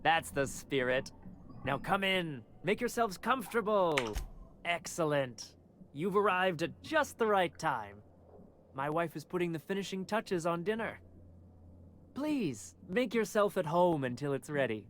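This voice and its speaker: An eerily welcoming host. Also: male voice, sits high, big pitch swings, a bit bright, a little hiss or hum, full character voice. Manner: slow, sing-song hospitality. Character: overly welcoming male homeowner, eerily hospitable. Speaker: game character, host of a house. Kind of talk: video game dialogue.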